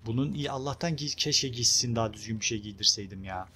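A young man casually commenting on his own gameplay, chatty and excitable, talking to his viewers and urging on the game character. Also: mid-range voice, quick pace, slight background noise. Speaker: gameplay video host. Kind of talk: casual let's-play commentary.

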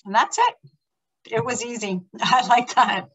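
An older woman talks in a relaxed, easygoing way about a drink she makes at home. She speaks into a laptop webcam on a video call from her kitchen. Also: fairly high pitch, measured pace, breathy edge, dull audio. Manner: relaxed, easygoing, laughs lightly. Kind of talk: casual video call chat.

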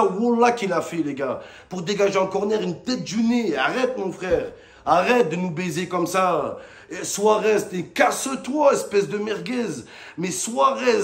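A man rants about a football match in a high, gravelly voice. He mocks the players loudly and breaks into sudden shouts. The room around him is echoey. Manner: loud, mocking rant with sudden shouts. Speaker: football fan vlogger. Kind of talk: ranting match debrief to camera.

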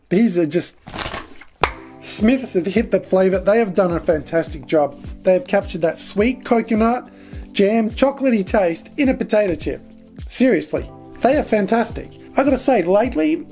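A man hosting a casual food review, with deliberate emphasis and rhetorical questions. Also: sits high, a little mellow. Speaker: snack reviewer and host. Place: small foam-treated studio indoors. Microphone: close desk microphone. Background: background music.

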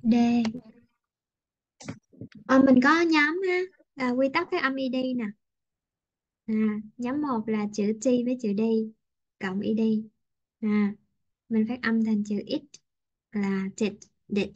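Slow, husky-voiced woman teacher. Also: on the high side, dull audio. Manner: slow, drawn-out word-by-word dictation. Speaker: English teacher. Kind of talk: online class teaching pronunciation.

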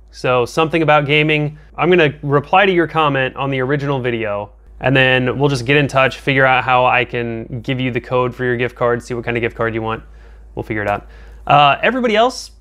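A man's voice: medium pitch, a bit bright. A man in his thirties making a casual, upbeat giveaway announcement to his viewers in an informal, appreciative way. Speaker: gaming channel host. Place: small home room with desk and monitor, indoors.

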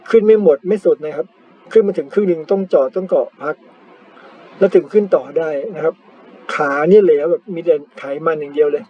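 A man's voice: a little high, a little fast. Chatty self-mocking man, slightly dull sound. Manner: chatty, self-mocking, frequent polite particles. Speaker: cycling vlogger. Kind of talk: casual chat over screen photos.

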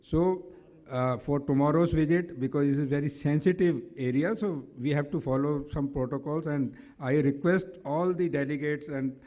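A man with a North Indian accent hosts a conference session in a slightly high-pitched voice. He speaks politely and formally, with hesitations and repeated phrases. The sound is dull, like a hall public-address recording. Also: normal speed, dark tone. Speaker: convention session host. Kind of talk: formal announcements at a conference, partly off the cuff. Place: large indoor hotel conference hall.

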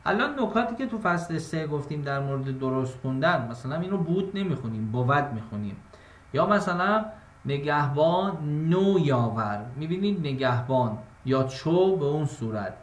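A male teacher giving an online exam-prep class on poetic meter. He explains step by step, talks straight to his students in a casual way, and chants verses slowly. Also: a little high, very animated. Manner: addresses students directly and casually. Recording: echoey room.

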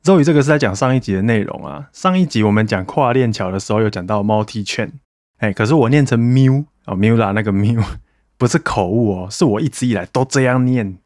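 A man's voice: medium pitch, animated, fairly quick, a little mellow, dry recording, studio quality. A man from Taiwan hosting a casual solo podcast, chatty and self-mocking as he talks to listeners and thanks donors. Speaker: podcast host.

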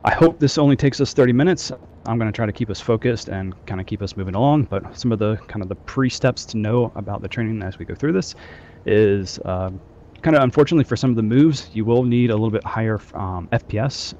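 A man's voice: fairly low pitch, quick pace, warm tone, muffled recording, slight background noise. A man leading a game training session over group voice chat, instructing loosely with frequent fillers. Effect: heard over group voice chat. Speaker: squad trainer.

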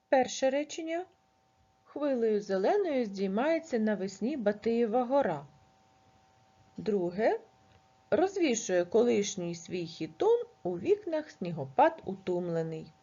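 A woman teacher reading a grammar lesson aloud, measured and slow over the example sentences. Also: on the high side, very animated, mellow, breathy edge, lo-fi sound.

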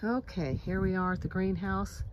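A Midwestern woman filming a chatty, excitable walkthrough of her homestead greenhouse on her phone, with lots of fillers. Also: mid-range voice, moderate pace, muffled recording, very noisy. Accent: Midwestern American. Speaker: homesteader vlogger. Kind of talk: casual walkthrough tour. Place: outdoors on a farm, in and around a greenhouse. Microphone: handheld phone camera.

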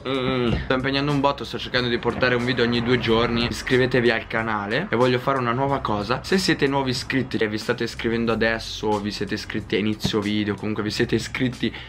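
A man's voice: mid-range voice, steady tone, fast, hardly any pauses. A man, chatting casually and animatedly to viewers in slang, his voice affected by illness and a cough. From Italy, Verbania. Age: 20s. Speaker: vlogger. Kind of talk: casual vlog chat to camera. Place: home rooms and a covered outdoor terrace. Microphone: camera at arm's length or on stand. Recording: roomy, distant camera sound, background noise and music.

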